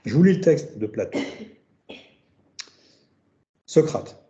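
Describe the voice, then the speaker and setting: Very dark-voiced man lecturing, roomy. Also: medium pitch, very animated, normal speed. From France. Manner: thinking aloud, repeating words and tagging phrases with "hein". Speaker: researcher giving a seminar lecture. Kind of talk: academic lecture. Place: seminar room. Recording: roomy, dull lecture-room recording.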